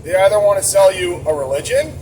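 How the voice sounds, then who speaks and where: Behind the wheel, a Boston-area trucker vlogs to a camera mounted in the cab, chatty, rambling and self-mocking, with an animated, brisk delivery. His slightly high, darkish voice reaches the distant mic poorly, and engine and road noise rumble clearly underneath.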